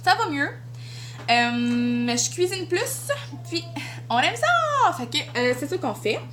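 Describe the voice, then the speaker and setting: Chatty Québécoise mom, lively high voice. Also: female voice, slow, slight background noise. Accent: Quebec French. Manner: chatty, talks to her toddler in a sing-song voice. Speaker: vlogger and mother. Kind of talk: casual home vlog.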